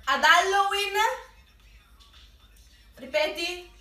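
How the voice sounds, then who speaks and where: A young woman with a high, bright voice banters casually through a game, repeating her phrases emphatically. The sound is roomy, picked up away from the mic. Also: very slow. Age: young adult. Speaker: video challenge participant. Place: small bedroom, indoors. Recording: roomy, distant mic, music behind.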